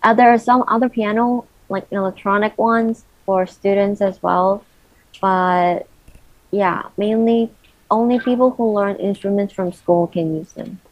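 A woman's voice: mid-range voice, fairly even intonation, unhurried, no room sound. A woman chatting casually on a podcast, explaining with examples. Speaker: podcast participant. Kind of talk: casual chat. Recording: dry, dull-sounding mic.

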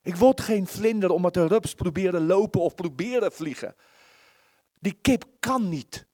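A man preaching a sermon in an earnest, pleading way, often restarting his words and shifting between loud and soft. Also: high-pitched, expressive, moderate pace, dry recording, studio quality. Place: church service, small room.

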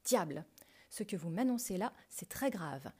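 A woman's voice: lowish voice, animated, a little slow, warm tone, breathy edge. A woman voicing a grumpy middle-aged police commissioner in a storybook reading, barking and impatient. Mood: grave.

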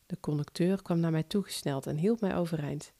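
A woman author narrating her own first-person short story in a calm, measured reading voice. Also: low voice.

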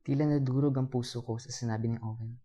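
Mellow-voiced young man narrating a story. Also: medium pitch, quick pace. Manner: calm, reflective storytelling. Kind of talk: first-person story narration.

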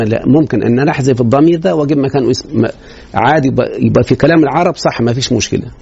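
Egyptian man, grammar teacher, quick talker, gravelly, lo-fi recording. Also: medium pitch, warm tone. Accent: Egyptian Arabic. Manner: quizzes students with rhetorical questions. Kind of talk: grammar lesson. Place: classroom. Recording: dull lo-fi recording.

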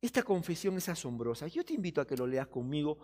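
A male pastor preaching a sermon, often acting out doubters and busy churchgoers in quick quoted asides. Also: on the high side, big pitch swings, a little mellow. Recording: long reverb of a church hall.

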